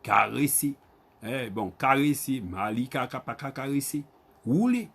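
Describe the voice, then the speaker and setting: A man with a Guadeloupean Creole accent teaching an online Creole lesson. He repeats each word slowly, spells it out letter by letter and calls on his students by name. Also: medium pitch, expressive, creaky, fairly bright tone, slightly rough.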